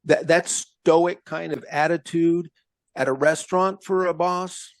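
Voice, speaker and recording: A man's voice: on the high side, unhurried, dry recording. A man co-hosting a casual sports podcast, talking bluntly and animatedly about his team's coaching. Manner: animated, blunt, swears freely. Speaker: co-host.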